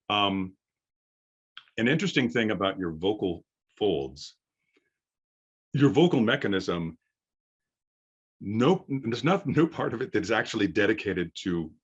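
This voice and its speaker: A middle-aged man with a deep, firm voice gives an informal workshop lecture as a voice acting coach, explaining haltingly with pauses for thought. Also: a bit bright, breathy edge, dull audio.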